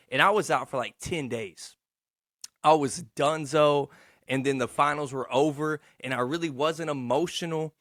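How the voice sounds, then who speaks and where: A man's voice: on the high side, fairly bright tone, dry recording, studio quality. A man, hosting a casual, rambling solo podcast in a profane, slangy, boastful yet self-deprecating way. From Texarkana, United States. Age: 20s. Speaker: podcast host.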